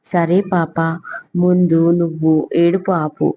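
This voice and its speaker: A woman voicing a gentle, motherly housekeeper in an audio story, coaxing and soothing. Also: fairly low pitch, flat delivery, takes it slowly, muffled recording, slight background noise.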